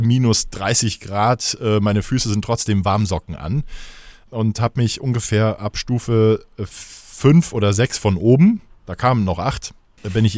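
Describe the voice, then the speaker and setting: A man's voice: lowish voice, no echo. Joking German podcast host man. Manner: joking storyteller, playful and rambling. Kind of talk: casual podcast banter.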